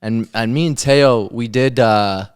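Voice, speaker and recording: A man's voice: medium pitch, unhurried, smooth. A man from Canada hosting a casual podcast chat, full of joking, teasing banter. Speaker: podcast host and youth soccer coach.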